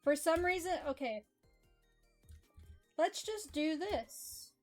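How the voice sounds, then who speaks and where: A young woman reads a novel aloud on a live stream and chats with giggles between passages. Her voice is high and her pace slow. Faint music plays beneath. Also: expressive. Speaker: streamer reading a book aloud. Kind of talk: live-streamed book reading.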